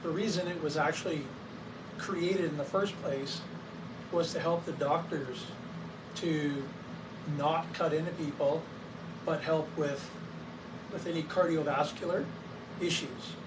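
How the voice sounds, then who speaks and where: Speaking a little slowly with long pauses, a hoarse man getting over a cold describes his clinic's equipment in a casual educational talk to camera. He owns the wellness clinic; his voice runs slightly high, full of fillers, with coughs between sentences. He's set back from the mic, steady noise underneath.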